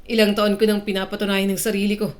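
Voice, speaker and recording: A woman's voice: medium pitch, level tone, fast, lightly acted. A woman voicing a proud, resentful young male CEO in an audiobook story, speaking tensely. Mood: bitter.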